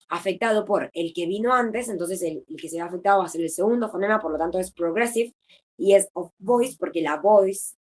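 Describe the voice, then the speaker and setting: Young Argentine woman with a Rioplatense accent, lowish voice, informal study-group tutor. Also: a little mellow. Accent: Rioplatense Spanish. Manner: informal, self-correcting, mixes English terms into Spanish. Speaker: phonetics study group leader. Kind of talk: casual explanatory lesson.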